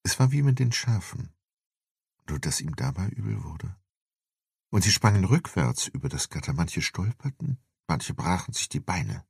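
A man narrating a thriller audiobook in a deep voice, slow and tense. His voice is gravelly and husky, and he takes his time. The recording is close and dry. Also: very animated, darkish tone, no room sound. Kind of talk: scripted narration.

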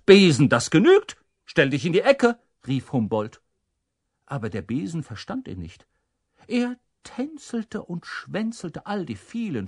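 A man reading a children's story aloud in a playful, animated way. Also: medium pitch, gravelly, no echo. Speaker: narrator.

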